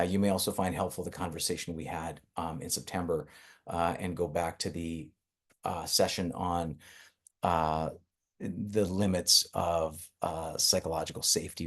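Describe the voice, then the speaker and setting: A man with a very deep, husky voice runs a webinar over a video call. He affirms what participants say, speaks in a measured way, and calls on the next person. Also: flat delivery, a bit bright. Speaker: workshop facilitator. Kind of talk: facilitating a webinar.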